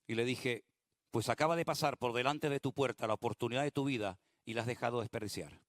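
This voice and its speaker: A man preaching a sermon as pastor, moving between hushed prayer-like passages and rising, emphatic exhortation. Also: mid-range voice, quick pace, no echo, studio quality.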